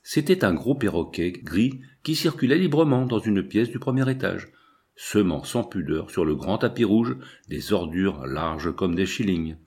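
A man's voice: sits low, lively intonation, unhurried, a little mellow, slightly rough. A man reading a first-person novel aloud as an audiobook narrator, telling the story expressively.

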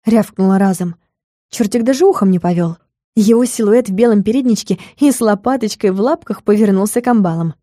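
A woman reading a first-person fantasy audiobook in a lively storyteller manner, putting on voices for the characters. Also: mid-range voice, fairly quick, no echo, clean studio sound. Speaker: audiobook reader.

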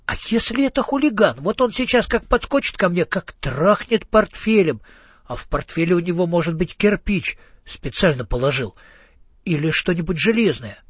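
A man's voice: high voice, animated, normal speed, husky, no echo. A man voicing a timid, fearful little boy in a storybook, talking in a fretful, worried way. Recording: slightly muffled audiobook.

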